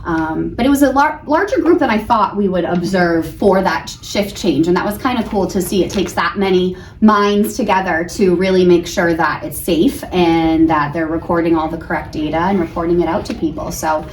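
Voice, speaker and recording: An elementary school teacher from New Hampshire, speaking with an American accent, gives chatty, earnest answers in a casual interview. Her voice is on the low side, at a moderate pace with few pauses. The recording sounds roomy, with a distant mic and faint background noise.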